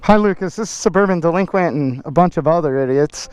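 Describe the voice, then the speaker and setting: A man's voice: on the high side, fast, smooth. A man chatting casually as a motovlog host, with slangy, joking banter and the odd curse. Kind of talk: casual vlog chat. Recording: loud engine and road noise.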